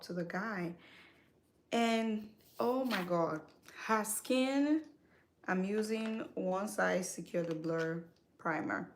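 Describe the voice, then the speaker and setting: Chatty young woman from Cameroon, skincare vlogger, mid-pitched, rambling storytelling full of fillers and restarts. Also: slight background noise. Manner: chatty, repeats herself, many fillers and self-corrections. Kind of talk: casual storytelling while doing makeup.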